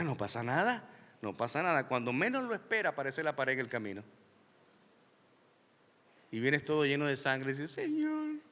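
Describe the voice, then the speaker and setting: A man preaching with a high, lively voice that swings widely in pitch. His tone is bright and forceful. He stretches out key phrases, and his voice carries a long hall reverb. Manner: emphatic preaching, slows and rises on key lines. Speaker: pastor. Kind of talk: sermon.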